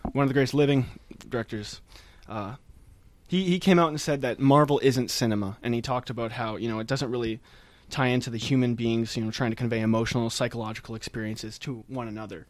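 Fast-talking male podcast host in an attic. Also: mid-range voice, fairly even intonation, dry recording. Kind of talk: casual film discussion. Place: indoors in a chilly attic.

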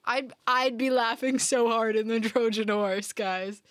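A woman's voice: on the high side, fairly even intonation, unhurried, dry recording, clean studio sound. A young woman guest in a casual chat, bubbly and giggly as she tells stories.

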